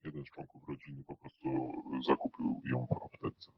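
A man being interviewed, speaking through a voice changer that pitches his voice down to disguise it, and pausing often on hesitant fillers. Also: flat delivery, breathy edge. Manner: hesitant, with many drawn-out "e" fillers. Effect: voice pitched down electronically to disguise it. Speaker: interview guest. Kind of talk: recorded interview answers. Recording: dull, muffled lo-fi audio.

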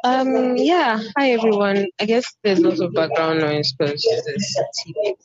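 A woman's voice: a little high, sing-song, a little slow. A woman greeting a book club voice chat in a hesitant way, with fillers. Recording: lo-fi voice chat audio.

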